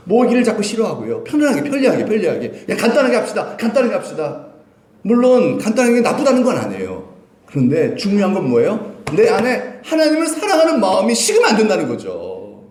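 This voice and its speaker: A male pastor preaching a sermon. He asks the congregation questions and answers them himself, swinging from loud emphasis to quiet, low lines. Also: huge pitch swings, fast. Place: church sanctuary. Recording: echoey church hall.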